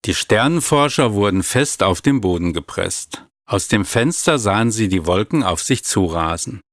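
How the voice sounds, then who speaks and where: A man calmly reading a children's story aloud. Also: on the low side, moderate pace, dry recording, clean studio sound. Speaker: narrator.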